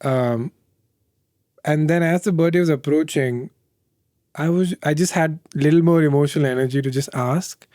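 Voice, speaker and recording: A man in his thirties with an Indian English accent tells candid personal stories as an interview guest. His voice sits a little high for a man, and he acts out the people he quotes with animated shifts. The recording is close and dry, with no room echo. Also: moderate pace. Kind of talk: candid conversational storytelling.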